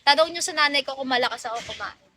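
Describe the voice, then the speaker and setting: A woman's voice: high voice, fast talker, pushed and bright, a little hiss or hum. A woman from the Philippines hosting a casual phone livestream, chatting playfully with viewers, teasing and laughing often and slipping into English. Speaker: livestream host.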